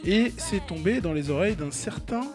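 A man's voice: high-pitched, animated, normal speed. A man co-hosting a music show, chatting casually about records, hesitant with many fillers and blunt opinions. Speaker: radio show co-host presenting records.

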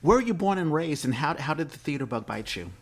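A man's voice: on the high side, big pitch swings, quick pace. Rambling chatty male podcast host. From Washington, D.C. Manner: rambling, chuckles often. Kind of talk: casual chat.

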